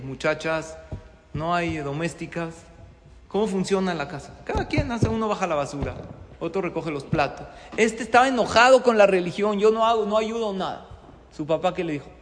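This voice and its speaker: A man's voice: high-pitched, a little hiss or hum. A middle-aged man, a rabbi, gives a sermon in a synagogue, telling a story with lots of rhetorical questions. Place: synagogue study hall. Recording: long reverb in a hall.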